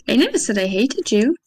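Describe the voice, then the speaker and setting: A woman's voice: a little high, low-quality recording. A woman chatting laid-back while playing a video game, teasing her friend. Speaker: gamer. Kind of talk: casual gaming chat.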